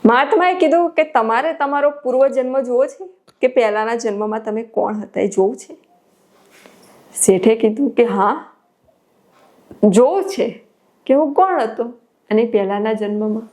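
Woman spiritual teacher, devotional parable storytelling, expressive, fairly high voice. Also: moderate pace, pauses often. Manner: expressive, exclamatory.

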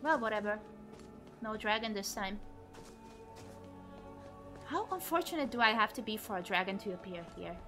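A woman live streamer giving casual, expressive gameplay commentary and chatting with viewers, exclaiming and swearing freely. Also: mid-range voice, moderate pace, long pauses, over music.

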